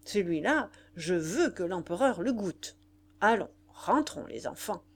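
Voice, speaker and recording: A woman voicing a boisterous old fisherman in a storybook reading, calling out in loud, exclaiming cries. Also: sits high, lively intonation, unhurried, slight background noise. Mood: exuberant. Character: excited old fisherman, boisterous village leader.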